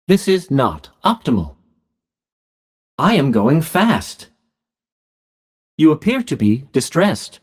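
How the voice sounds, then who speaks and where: An actor voicing a calm male healthcare robot in a video game, speaking in a soft, even robot voice with polite, clinical phrasing. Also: a little high, full character voice.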